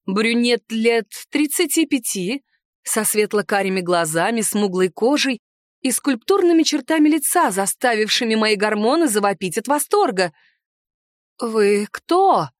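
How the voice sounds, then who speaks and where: A woman narrating a first-person novel as an audiobook, in an expressive, playful manner with character voices. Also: fairly high pitch, normal speed, dry recording, studio quality.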